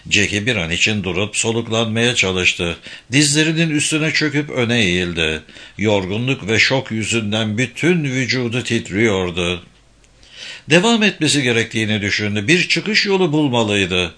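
Male audiobook narrator, bright timbre, measured suspenseful read. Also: lowish voice, big pitch swings.

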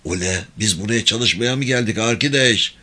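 A man's voice: fairly low pitch, moderate pace, sharp tone. A man voicing a grumbling young village soldier with rustic country talk.

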